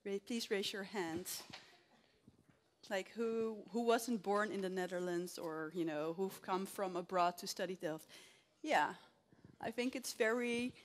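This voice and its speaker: A woman's voice: medium pitch, unhurried. A woman moderating a live lecture event, talking casually with many fillers and small laughs as she questions the audience. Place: lecture hall.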